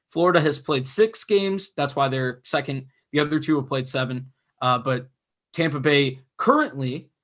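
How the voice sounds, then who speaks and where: A young man co-hosting a casual sports podcast, chatty and analytical, his voice going hoarse. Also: a little high, fairly bright tone. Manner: chatty, analytical, self-mocking. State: losing his voice. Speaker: podcast co-host.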